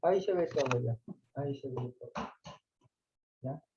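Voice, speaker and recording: A man's voice: medium pitch, moderate pace, a little mellow, muffled recording, slight background noise. A man teaching a math class online, explaining patiently, repeating points and checking that students follow.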